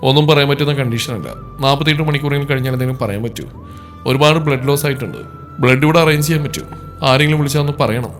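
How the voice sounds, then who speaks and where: A man voicing a calm, reassuring male doctor who speaks plainly and matter-of-factly. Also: mid-range voice, fast talker, soft background music, lightly acted.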